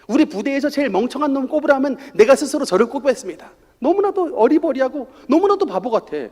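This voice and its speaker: A middle-aged male pastor delivers a Sunday sermon and tells his story with animated, swinging intonation. His voice sits high for a man and jumps around a lot. The sanctuary adds a long, hanging reverb. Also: quick pace. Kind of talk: sermon with personal testimony. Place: church sanctuary. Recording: church hall reverb.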